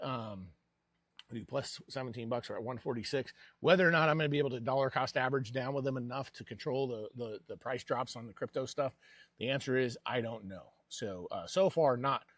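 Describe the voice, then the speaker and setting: A man's voice: medium pitch, no room sound. A man hosting a personal investing vlog with casual, rambling commentary.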